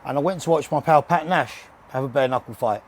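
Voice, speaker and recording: A man's voice: mid-range voice, quick pace. A man in his forties with a London accent, chatting casually and bluntly as an interview guest, often repeating words and restarting. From west London and Surrey, England. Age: 40s. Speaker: bare-knuckle boxer, interview guest. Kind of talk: casual chat. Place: indoors in a gym.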